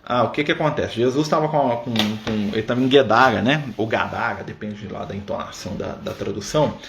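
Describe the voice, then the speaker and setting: Fast-talking man in an echoey room. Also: mid-range voice, fairly bright tone. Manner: conversational, full of "né?" and "tá?" asides. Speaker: Spiritist study leader. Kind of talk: casual teaching talk on a live stream. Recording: roomy sound with faint background noise.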